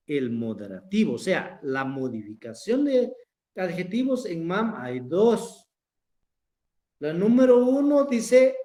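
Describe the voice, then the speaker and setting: A male teacher giving a recorded class, with a fairly high, mellow voice. He talks slowly and patiently, going back over each point and asking whether his students understand. The sound is echoey, as if in a bare room. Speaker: language teacher. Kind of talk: recorded online class lecture.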